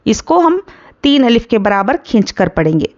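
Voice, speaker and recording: A woman's voice: fairly high pitch, very animated, darkish tone, lo-fi sound. A woman teaching tajweed, patiently drawing out each word of the recitation before she explains the rule that applies. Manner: slow and patient, drawing out Arabic words, then explaining the rules. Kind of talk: Quran recitation lesson.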